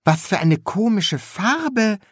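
A bright, high-pitched young apprentice lad, eager and chatty, full of naive questions. The voice leaps well above a normal man's speaking pitch and bounces with lively swings. It sounds keen and talkative. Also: slow, dry recording, clean studio sound, heavily acted.

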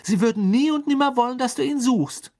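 A man's voice: very high voice, a little fast, a little mellow, pitched above the performer's own voice. Man putting on a pleading teenage schoolgirl. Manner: pleading, urgent. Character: clever anxious teenage schoolgirl, bossy. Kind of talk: audiobook character voice.

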